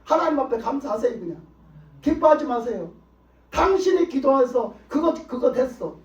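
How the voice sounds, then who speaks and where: A male pastor with a very high voice preaches emphatically. He hammers his points home with repeated rhetorical questions. He is heard from a distance in an echoey church sanctuary, through a dull, muffled recording. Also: sing-song, moderate pace. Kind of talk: sermon.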